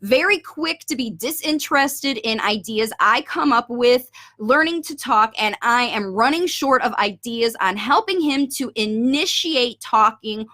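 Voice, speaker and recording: Bright-voiced woman coaching parents. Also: a little high, lively intonation, measured pace, few pauses. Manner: explains patiently, reads questions and corrects them aloud. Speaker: parent coach answering questions. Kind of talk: video Q&A, reading parent questions aloud and commenting. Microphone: webcam on a video call.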